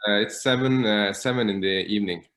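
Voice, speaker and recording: A native Norwegian speaker in his thirties from northern Norway appears as a guest guitarist in an interview, talking casually with many hesitant fillers. His voice is fairly low and brisk with a fairly bright tone, and the sound is reverberant.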